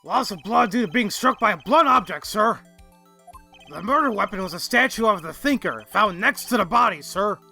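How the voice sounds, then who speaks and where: A man's voice: high-pitched, animated, normal speed, creaky, sharp tone, soft background music, exaggerated voice. A man voicing a bumbling, eager-to-please homicide detective in a game fandub, deferential and blustering. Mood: eager, dutiful. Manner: deferential, blustering, ending sentences with "sir". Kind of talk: game fandub character acting.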